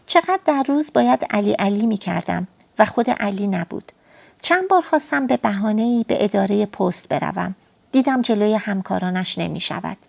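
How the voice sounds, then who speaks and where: A woman narrating a first-person novel as an audiobook, in a soft, intimate and poetic storytelling manner. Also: medium pitch, gravelly.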